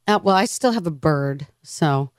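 A woman's voice: deep voice, expressive, unhurried, no room sound, clean studio sound. A woman co-hosting on radio in casual chat. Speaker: radio co-host.

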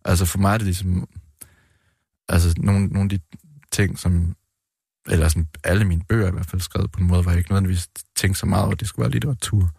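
Deep flat-voiced man reading calmly. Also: gravelly, breathy edge, no echo, studio quality. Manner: hesitant, restarts, calm measured reading. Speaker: guest poet. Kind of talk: interview then reading poems aloud.

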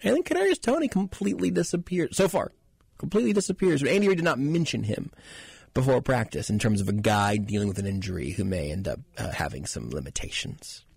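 A man on sports radio with a husky voice and dry, close sound. He spins his theories wryly and with mock intrigue. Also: medium pitch, expressive, a little fast, darkish tone, dry recording. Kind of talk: casual sports talk.

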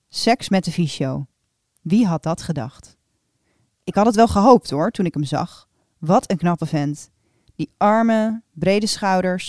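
A woman's voice: lowish voice, a little mellow, no echo, clean studio sound. A woman reading an erotic first-person story aloud in an intimate, confiding manner.

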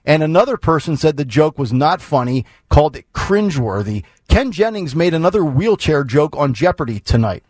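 A man's voice: a little high, big pitch swings, brisk, hardly any pauses, darkish tone, dry recording. A man hosting a morning talk radio show, reading out a story and then chatting it over in a rambling, self-interrupting way. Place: radio studio.

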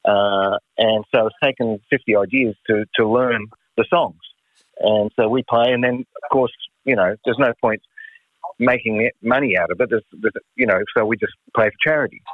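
An Australian man in his sixties talks over a thin, narrow phone line. His voice is fairly low and very dry, with no room sound. He reminisces casually, like a musician being interviewed. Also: moderate pace, dry recording. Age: 60s. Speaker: musician guest. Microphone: phone call.

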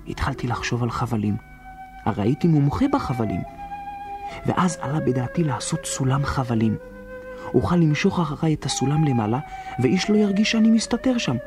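A man's voice: medium pitch, natural voice. A man playing Alex, a resourceful hiding boy. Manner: reflective inner monologue, planning aloud. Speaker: first-person narrator. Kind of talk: radio drama narration.

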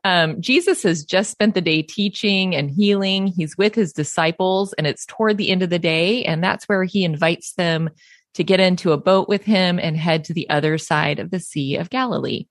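Woman hosting a podcast, lowish voice, dry close sound, laughs a lot. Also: no room sound. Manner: laughs often, reads scripture slowly and deliberately. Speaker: podcast host. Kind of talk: warm conversational podcast and scripture reading.

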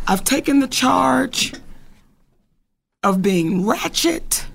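A woman's voice: on the high side, creaky. A woman speaking passionately and bluntly to an audience about standing by her husband. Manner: bold, outspoken, emphatic, profane. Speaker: wife speaking on a panel. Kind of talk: passionate spoken address.

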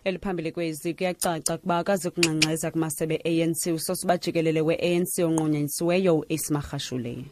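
A woman's voice: low voice, steady tone, fast, hardly any pauses, loud music behind the voice. A woman with a South African Xhosa accent reading scripted radio news as the presenter.

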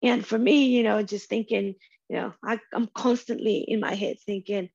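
A woman with a hoarse, raspy voice that is nearly gone, speaking casually as an interview guest. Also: medium pitch, fairly even intonation, normal speed, a little mellow, no echo. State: hoarse, losing her voice while unwell. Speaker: podcast guest, venture capital professional. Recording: dull, lo-fi audio.

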